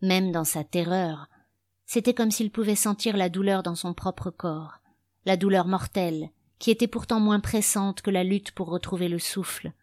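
A woman narrating a novel as an audiobook, with a measured, steady reading style. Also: medium pitch, no room sound.

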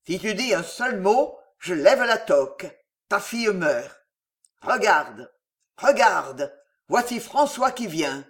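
A man's voice: high-pitched, big pitch swings, slow, heavily acted. A reader voicing a cruel man who gives cold, threatening orders. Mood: menacing.

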